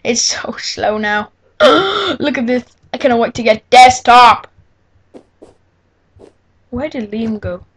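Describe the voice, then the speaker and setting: A woman's voice: on the high side, lively intonation, takes it slowly, long pauses, husky. A teenage girl chatting and giggling through a casual computer tutorial on a cheap microphone at home. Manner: giggly, chatty, exclaims often. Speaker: tutorial maker. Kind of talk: casual screen-recorded tutorial.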